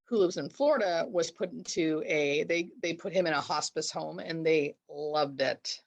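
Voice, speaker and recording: A woman's voice: low voice, normal speed, creaky. An American woman talking as a hospice nurse, explaining things casually in conversation.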